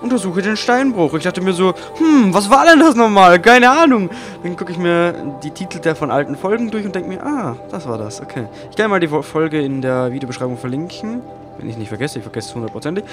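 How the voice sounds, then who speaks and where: A man with a high, very lively voice talks through his game session, excitable and prone to swearing. He drifts between muttered remarks and sudden loud outbursts. Game music plays clearly behind him. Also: a little fast. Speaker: let's play gamer. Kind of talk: casual gameplay commentary.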